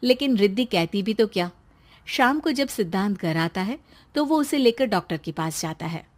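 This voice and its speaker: A woman's voice: medium pitch, expressive, moderate pace. A woman narrating a storybook tale in a plain storytelling manner.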